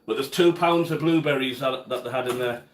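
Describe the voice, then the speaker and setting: A man of medium pitch, talking a little fast, hosts a relaxed cooking livestream from his home kitchen, chatting and answering viewers by name as he cooks. The kitchen sounds echoey, with slight hiss or hum.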